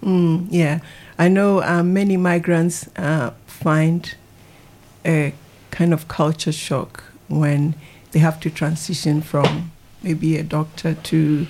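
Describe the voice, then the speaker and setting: A woman's voice: sits low, gravelly, darkish tone. A woman hosting a radio interview, encouraging and prompting her guest with questions. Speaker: radio host.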